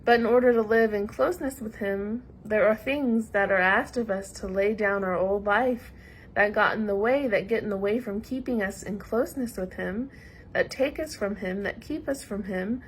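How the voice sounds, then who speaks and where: A woman with a Southern US accent preaching a sermon in a measured, earnest way with pauses. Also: medium pitch, a little hiss or hum, poor audio.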